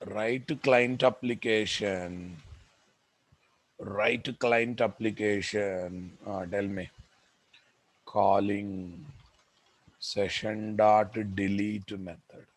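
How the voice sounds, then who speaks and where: Low-voiced Telugu-accented male coding instructor. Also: fairly even intonation, very slow, long pauses, dry recording, poor audio. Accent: Telugu Indian. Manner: repeats phrases, addresses students directly. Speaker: programming instructor. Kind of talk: live coding lesson, dictating code aloud.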